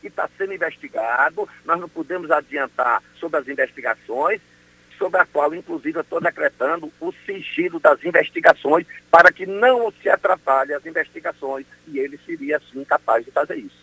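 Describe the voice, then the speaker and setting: Um homem, promotor de justiça, falando por telefone numa entrevista de rádio matinal, enfático e indignado. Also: male voice, on the high side, moderate pace, sharp tone, breathy edge, poor audio. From Brazil. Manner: emphatic, indignant, insistent. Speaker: public prosecutor. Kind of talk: phone interview on morning radio.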